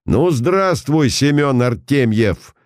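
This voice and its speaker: A man voicing a calm, mocking old detective, deep and gravelly. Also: unhurried, dry recording, clean studio sound, heavily acted. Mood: commanding. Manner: cool, commanding, sardonic. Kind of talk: audiobook character voice.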